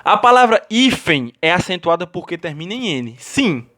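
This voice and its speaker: A man's voice: high voice, very animated, moderate pace, pushed and bright. A Brazilian man teaching a grammar lesson, explaining step by step and often checking in with his students. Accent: Brazilian Portuguese.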